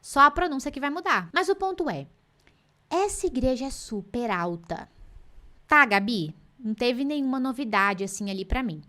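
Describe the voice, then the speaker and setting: Woman, Brazilian Portuguese accent, English teacher, live online class, playful, slightly high voice. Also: normal speed. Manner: lively, playful, teacherly, mixes in English examples.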